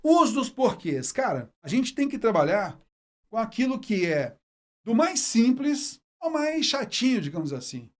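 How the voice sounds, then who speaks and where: A man talks through a grammar lesson as a casual, folksy teacher. His pitch swings all over the place, rising and dipping on almost every phrase. He keeps checking in with the viewer as he goes. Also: sing-song, normal speed. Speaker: Portuguese teacher.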